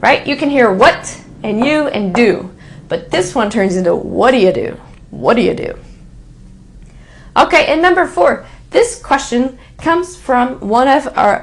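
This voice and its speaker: A woman from Texas with a Texan American accent, teaching English pronunciation in a patient, deliberate manner and repeating example sentences. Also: a little high, gravelly. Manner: repeats example sentences slowly, stressing key words. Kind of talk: slow, deliberate spoken English lesson.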